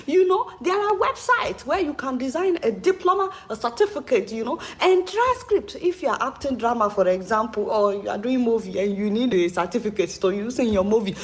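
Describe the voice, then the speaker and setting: A woman from Nigeria with a Nigerian accent giving satirical commentary, animated and mocking, mixing Yoruba phrases into English. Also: on the high side. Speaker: commentary host.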